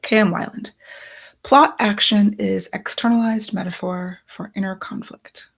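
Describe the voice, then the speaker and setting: A woman author talks through her writing process, thinking aloud and pausing over her note cards. Her voice is gravelly and husky, worn thin as she is losing it. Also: mid-range voice, steady tone, fairly bright tone.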